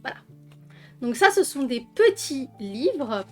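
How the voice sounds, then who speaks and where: A woman's voice: high voice, animated, measured pace, soft background music. A French woman casually presenting coloring books in a chatty vlog, with many fillers and fond little words. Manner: chatty, with frequent fillers and diminutives. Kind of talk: casual flip-through vlog.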